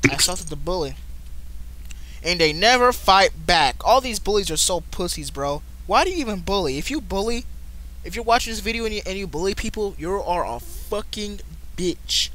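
Excitable, foul-mouthed male game commentator. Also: high voice, low-quality recording. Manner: profane, excitable, reads game text aloud. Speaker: gaming channel host. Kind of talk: let's play commentary. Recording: loud background noise.

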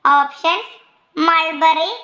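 A woman reading out quiz questions, their options and the answers in a slow, measured way, dropping her pitch for each list of options. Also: steady tone, pushed and bright, roomy sound. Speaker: quiz reader.

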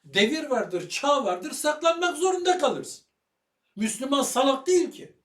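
A man giving heated video commentary on religious matters, loud and fiery, firing rhetorical questions at his listener. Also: very high-pitched, big pitch swings, measured pace, reverberant, far from the mic.

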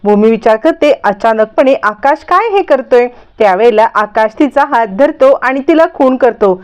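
A woman narrating a recap of a TV serial episode briskly, reading out every character's lines herself. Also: on the high side, animated, a little mellow, clean tone, muffled recording. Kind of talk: scripted story recap narration.

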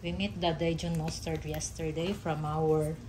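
Woman vlogger, unhurried kitchen chat to camera, lowish voice, kitchen noise in the background. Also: flat delivery. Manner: chatty, unhurried, talks to viewers while cooking. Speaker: cooking vlogger. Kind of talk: casual cooking chat. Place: home kitchen at the stove. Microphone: camera nearby, hands-on cooking.

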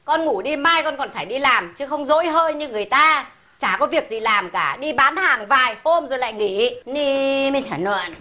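A woman's voice: high-pitched, animated, moderate pace, pushed and bright, no room sound. An actress with a Northern Vietnamese accent playing a scolding, sarcastic elderly mother-in-law in a sitcom. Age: older. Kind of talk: sitcom acting.

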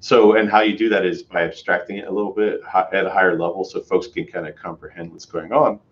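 A man's voice: low-pitched, steady tone, quick pace, lo-fi sound. A man hosting a tech livestream in casual chat, rambling with many fillers and restarts. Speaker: host, developer advocate.

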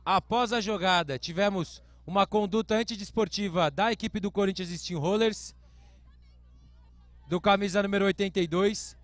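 Male, Brazilian accent, high pitch, American football play-by-play, explanatory short phrases, dry close sound. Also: normal speed, dry recording. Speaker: sports commentator.

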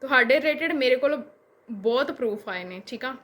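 A woman's voice: high-pitched, animated, a little fast, fairly bright tone. A young woman with a Punjabi accent, a vlogger firing back at a critic with repeated rhetorical questions. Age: young adult. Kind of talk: reply video rant.

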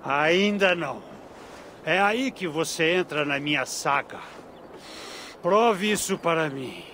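An actor playing a proud, suspicious Viking warlord in a video game, slurring like a town drunk. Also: male voice, fairly high pitch, animated, takes it slowly, bright, forceful tone, a little hiss or hum, exaggerated voice. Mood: drunken suspicion. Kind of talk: dramatic video game dialogue.

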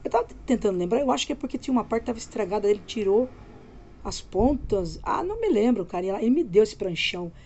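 This casual home vlog features a woman in her forties from Minas Gerais, Brazil, talking in Brazilian Portuguese with a Minas accent while lying in bed, phone held close. She's animated and fast, her mid-range voice mellow, and the recording is muffled with slight background noise.

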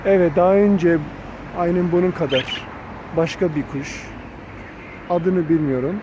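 A man filming a bird in an urban garden, talking slowly and coaxing it over with affectionate words. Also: high-pitched, steady tone. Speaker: nature vlogger. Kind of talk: casual vlog narration. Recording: dull phone audio with outdoor noise.

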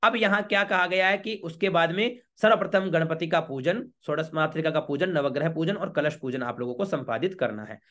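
Priest calmly explaining a ritual. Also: male voice, on the high side. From Rajasthan, India. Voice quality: chants Sanskrit verses slowly. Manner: patient, repeats checks like "okay?". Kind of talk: step-by-step ritual instruction.

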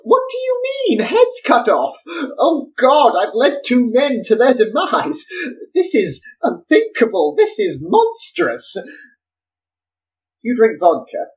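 An actor playing a frantic, eccentric inventor who exclaims and pleads in a flustered way. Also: male voice, a little high, sing-song, normal speed, fairly bright tone, low-quality recording.

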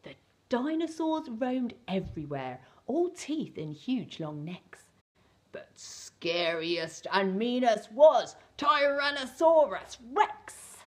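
A middle-aged woman entertainer reads a children's storybook slowly, her high-ish voice very animated. Her delivery is playful, exaggerated and theatrical, and she sits on a small indoor set with a fabric backdrop.

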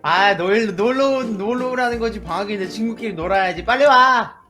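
A sly, fake-friendly teenage schoolkid bully, played by an actor in a Minecraft skit. The middling-pitched voice halts and repeats words while dodging. Music plays behind it. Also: fairly quick, sharp tone, close to an everyday voice. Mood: falsely friendly. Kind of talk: acted Minecraft skit dialogue.

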